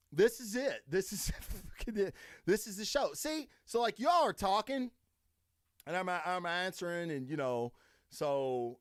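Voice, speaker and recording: A man's voice: a little high, no room sound, clean studio sound. A man, hosting a solo podcast and rambling through profane stories while answering his live chat. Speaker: podcast host.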